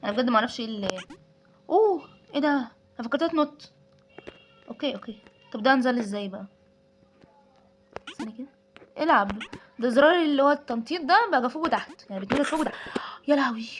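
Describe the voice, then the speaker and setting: A woman's voice: sits high, expressive, very fast, pauses often, a little hiss or hum, rough recording. A woman with an Egyptian Arabic accent, hosting a game playthrough and exclaiming at each surprise in the game. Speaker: gaming channel host. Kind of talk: let's play commentary.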